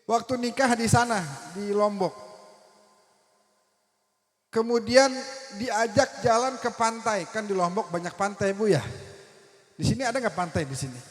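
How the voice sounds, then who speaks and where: High-voiced joking Betawi preacher. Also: male voice. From Betawi, Jakarta. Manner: joking, asks the audience questions. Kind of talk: humorous sermon. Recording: echoey hall reverb.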